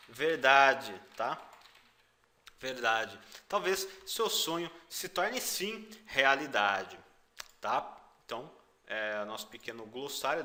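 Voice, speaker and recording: Explaining song lyrics in a German lesson, a man with a Brazilian Portuguese accent patiently repeats every phrase and emphasizes the foreign words. His voice is medium-pitched with a sharp tone.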